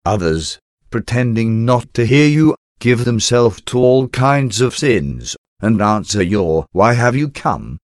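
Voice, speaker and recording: A man slowly reading a devotional prayer aloud in a reverent, measured way. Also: mid-range voice, animated, a little mellow, dry recording, clean studio sound. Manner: slow, reverent, measured recitation.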